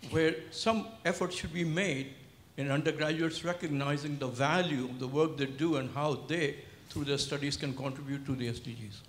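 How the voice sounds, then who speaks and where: A man with a fairly high voice makes a formal, well-structured point from the audience. The room is echoey, with faint noise and clicks behind him. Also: steady tone, moderate pace, hardly any pauses. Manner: formal, articulate. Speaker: audience member asking a question.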